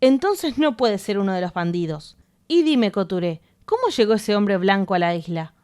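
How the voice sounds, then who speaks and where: A woman's voice: mid-range voice, expressive, moderate pace, a little mellow, smooth, lightly acted. Woman reading a thoughtful sea captain, careful questions, storybook style. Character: thoughtful male ship captain.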